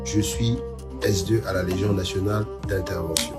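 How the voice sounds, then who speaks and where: Male police official, low voice, formal declarative statement, loud music mixed over it. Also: normal speed. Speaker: police commissioner making a statement.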